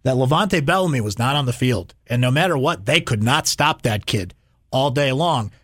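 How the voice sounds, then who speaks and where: A man's voice: mid-range voice, animated, moderate pace, fairly bright tone, breathy edge, no room sound, studio quality. A man hosting sports talk radio, speaking emphatically and playfully, repeating phrases for effect. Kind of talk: animated sports radio monologue.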